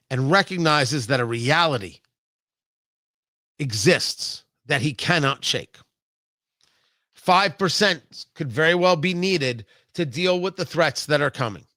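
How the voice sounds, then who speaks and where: An American male talk show host with a high-pitched, forceful and bright voice delivers an opinionated political commentary monologue. He speaks emphatically, deliberately repeating himself to hammer points home. The recording is dry and close.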